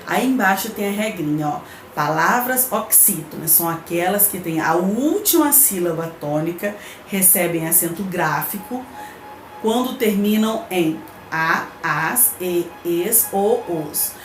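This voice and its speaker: Soft background music plays as a woman primary school teacher with a Brazilian Portuguese accent gives a recorded remote lesson, her voice on the low side with lively intonation and a measured pace. She reads the textbook aloud, explains patiently and checks in with pupils; the room is echoey with faint background noise.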